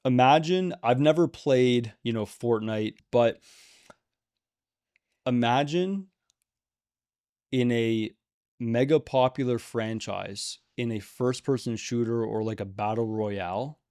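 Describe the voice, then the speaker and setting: A man's voice: mid-range voice, steady tone, measured pace, warm tone, clear, resonant tone, no room sound. Emphatic man in a dry room. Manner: emphatic, repeats words for stress, says okay often. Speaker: gaming video creator. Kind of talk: opinionated commentary to camera.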